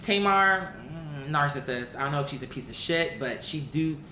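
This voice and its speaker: An animated online commentary host, bright and forceful at a moderate pace, gives viewers a blunt, opinionated, casual rant laced with swearing and words repeated for emphasis. The recording carries a roomy echo plus a faint rumble.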